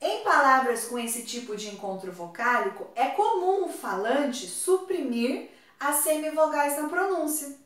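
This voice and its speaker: A woman from Brazil teaching an online class, speaking slowly and patiently and drawing words out for her pupils. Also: high voice, big pitch swings, a bit bright. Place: home room on a video call. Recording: very echoey room, far from mic.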